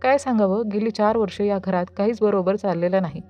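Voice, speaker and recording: A woman's voice: mid-range voice, brisk, mellow, muffled recording, faint music behind, lightly acted. A woman voicing a kindly, gossipy female housemaid who speaks in a confiding way.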